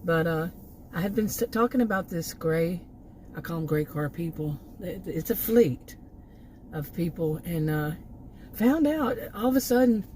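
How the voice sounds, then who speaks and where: An American woman from Texas who works food delivery gigs vlogs in a casual, rambling rant, sounding exasperated and chuckling between remarks. Her voice is on the low side, animated, a little slow and darkish, with slight background noise.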